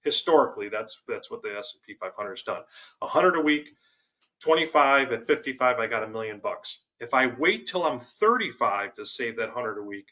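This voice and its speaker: A man's voice: medium pitch, expressive, normal speed, sharp tone, lo-fi sound. A man explaining money principles on a webinar, walking through worked examples with emphasis. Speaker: financial executive guest.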